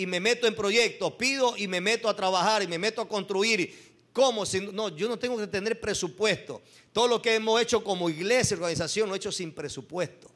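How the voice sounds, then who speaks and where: A man's voice: high voice, a bit bright. An older man, a pastor preaching a sermon and telling his own story, asking the congregation questions. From Ecuador.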